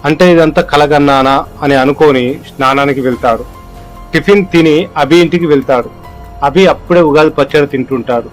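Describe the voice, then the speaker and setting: A man's voice: a little high, moderate pace, faint music behind. A man reading a scripted horror story aloud as narrator, voicing the characters' lines in his own voice.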